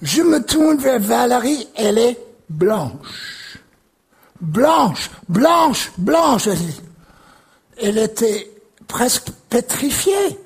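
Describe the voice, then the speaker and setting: A man preaching a sermon and telling a story, leaning into repeated words with animated emphasis. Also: extremely high pitch, very slow, creaky, husky. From United States.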